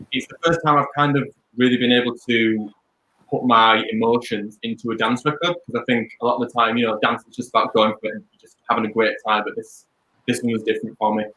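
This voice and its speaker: Young dj guest, rapid bright delivery, echoey room on a video call. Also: male voice, lowish voice, little pitch movement. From Leeds, England. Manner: chatty, upbeat, rambling. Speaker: DJ and music producer guest. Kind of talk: casual interview chat.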